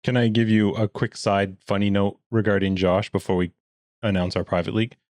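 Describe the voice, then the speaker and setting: Man, very deep voice, relaxed podcast co-host, dry sound. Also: a little fast, no echo. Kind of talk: casual gaming podcast chat.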